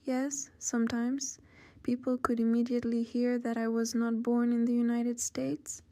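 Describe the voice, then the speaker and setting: Ukrainian woman, fifties, oral history guest; calm, careful and very monotone, with a warm, clear voice. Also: a little high, no echo, clean studio sound. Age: 50s. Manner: measured, plain and careful sentences. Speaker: interview guest.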